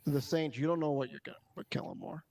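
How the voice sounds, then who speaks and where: A man's voice: fairly high pitch, steady tone, quick pace, gravelly, a little mellow, low-quality recording. A man hosting a casual live-stream chat about football, laid-back and swearing freely. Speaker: stream host.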